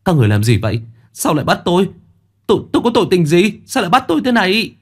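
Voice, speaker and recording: A man's voice: fairly low pitch, lively intonation, normal speed, close to an everyday voice. A man voicing a poor young village man who speaks politely and pleads anxiously. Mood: desperate.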